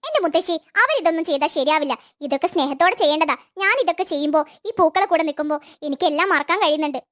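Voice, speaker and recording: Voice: high voice, animated, racing, fairly bright tone. A performer voicing a sweet, devoted young granddaughter in a cartoon. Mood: affectionate.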